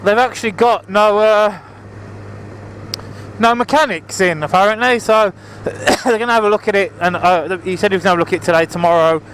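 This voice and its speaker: Man, high-pitched voice, casual motorbike vlog, rambling, apologetic, talking up over the engine, faint wind and engine noise on helmet mic. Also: fairly quick, a bit bright, poor audio. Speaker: motorbike vlogger. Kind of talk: casual vlog chat to viewers while riding. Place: outdoors, riding a motorbike on the road. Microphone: helmet microphone, visor open. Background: motorbike engine, wind, traffic.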